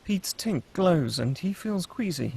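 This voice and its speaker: Reading stage directions at a script table read, a man speaks unhurriedly with big swings in pitch. His darkish voice sits slightly high for a man and has a husky, unclear edge.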